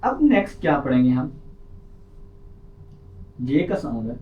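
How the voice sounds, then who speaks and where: A man with a Pakistani Urdu accent teaching an online lesson. He explains patiently and drills each sound by repeating it loudly. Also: medium pitch, big pitch swings, measured pace, lo-fi sound. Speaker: language teacher.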